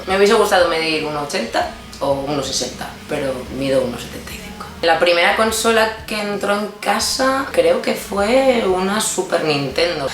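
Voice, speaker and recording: A thirty-year-old woman from Barcelona with a Spain Spanish accent, talking through a casual personal Q&A in a chatty, playful way. She laughs often and fills pauses with hesitations. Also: on the low side, roomy sound, slight background noise, rough recording. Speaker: guest answering personal questions.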